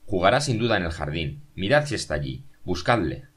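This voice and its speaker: A man voicing an anguished middle-aged royal prosecutor in an audiobook, in a hushed, tense mutter. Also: deep voice, sing-song, brisk, husky, heavily acted. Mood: frantic. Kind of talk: audiobook character reading.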